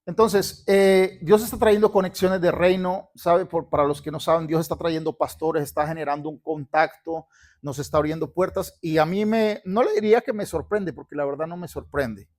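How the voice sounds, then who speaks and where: A man's voice: on the high side, normal speed, a little mellow. A man from Colombia, a pastor preaching fervently in church and calling on the congregation to repeat after him. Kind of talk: sermon with church announcements. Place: church sanctuary.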